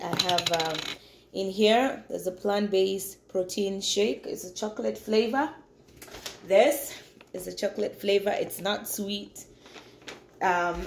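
A woman's voice: medium pitch, darkish tone, a little hiss or hum. A woman in her thirties chatting upbeat to her phone camera in her home kitchen. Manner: upbeat, chatty, addresses viewers as guys. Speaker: vlogger. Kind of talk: casual chat to camera. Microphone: phone camera on a counter. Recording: echoey room.

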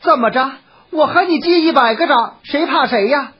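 A storyteller voicing a swaggering, harsh rich man with a gruff, blustering manner, in a dull lo-fi recording. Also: high voice, moderate pace, pitched above the performer's own voice, lightly acted.

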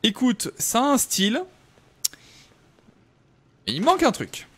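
A man's voice: very high voice, wildly swooping pitch, slow pace, a bit bright, husky. A young man casually commenting on his game live, thinking aloud and answering viewers in chat. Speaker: streamer.

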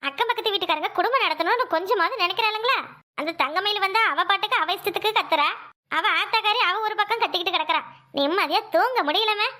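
A woman's voice: very high-pitched, quick pace, pushed and bright. A woman voicing a spiteful, scheming village gossip in a cartoon, with a scornful manner. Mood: complaining. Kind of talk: cartoon voice acting.

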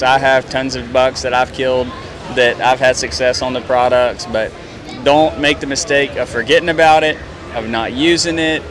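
A young man hosting a casual interview, upbeat and quick to agree. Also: medium pitch. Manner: upbeat, agreeable, frequent short affirmations. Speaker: hunting show interviewer. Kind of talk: casual interview at a trade show booth. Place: busy trade show hall, indoors. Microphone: handheld mic. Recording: noisy crowded trade show hall. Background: crowd chatter.

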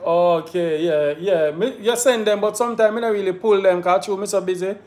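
A man's voice: high voice, a little fast, darkish tone. A man with a Jamaican accent hosting a live call-in show, chatting in patois with easy banter. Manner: patois-heavy, laughing banter. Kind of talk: casual live call-in chat. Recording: faint background noise.

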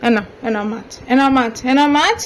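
A woman's voice: a little high, expressive, a little fast, a little hiss or hum. A young woman at home talking to her toddler in a casual vlog, coaxing and repeating herself in a sing-song way. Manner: coaxing, repetitive, sing-song toward a small child. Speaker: mother and vlogger. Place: home, indoors.

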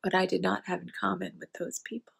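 A woman's voice: lowish voice, flat delivery, fast, vocal fry, a bit bright, breathy edge, heavily acted. A woman performing a theatrical monologue as a wry, hard-drinking middle-aged woman, sardonic and self-mocking.

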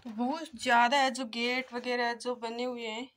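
Touring an old empty brick house inside and out, a young woman films herself on a phone at arm's length. Her voice is a little high and a bit bright, with flat delivery at normal speed, chatty and heavy on filler phrases as she addresses viewers like friends.

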